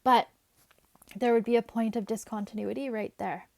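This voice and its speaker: A woman teaching a math class, chatty and talking her students through each step as she writes, her voice a little hoarse. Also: a little high, steady tone, moderate pace, no room sound. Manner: chatty, talks while writing, asides to students. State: voice going, slightly hoarse.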